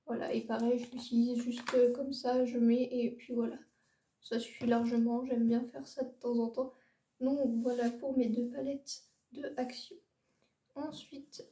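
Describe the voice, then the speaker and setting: A woman's voice: on the high side, mellow. Chatty young woman in a roomy echo. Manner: chatty, hesitant, many fillers and repeated words. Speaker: beauty vlogger. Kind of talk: casual makeup palette show-and-tell. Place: room lit by a ring light. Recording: roomy echo, a bit far from the mic.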